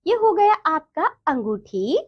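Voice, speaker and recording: High lively woman teacher reading slowly to kids, kinda dull lo-fi sound. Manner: slow sing-song recitation of words and rhymes for children. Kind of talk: children's Hindi reading lesson.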